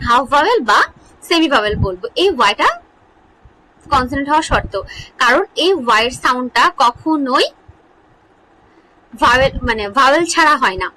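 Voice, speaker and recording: A woman teaching an English grammar lesson in Bengali, asking questions and answering them herself, repeating example words slowly. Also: high-pitched, expressive, pushed and bright, a little hiss or hum, low-quality recording. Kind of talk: online lesson explaining English spelling.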